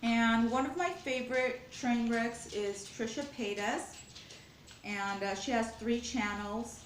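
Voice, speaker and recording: A woman's voice: a little high, slow, reverberant, a little hiss or hum. A woman chatting casually in a vlog while eating, earnest and rambling, sometimes talking with her mouth full. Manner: earnest, rambling, spiritual musing. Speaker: mukbang vlogger. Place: home, at a glass table.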